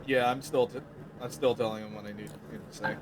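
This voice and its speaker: A man on a casual voice call who asks pointed questions in a halting way, often restarting and getting louder as he presses. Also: mid-range voice, fairly even intonation.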